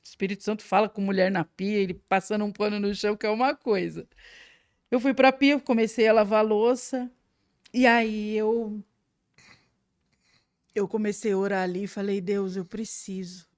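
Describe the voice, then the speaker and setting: A woman with a Brazilian Portuguese accent tells an emotional personal testimony as a guest, her voice at a middle pitch. She paints scenes vividly, dropping to a hush and then rising loud again. The sound is dry and close, with little room around it. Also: fairly even intonation, moderate pace, long pauses, no echo. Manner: vivid storytelling, swinging between hushed and loud.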